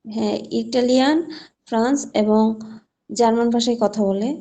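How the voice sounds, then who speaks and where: A woman who is a student in an online class, giving careful, slow answers. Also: fairly high pitch, steady tone, mellow.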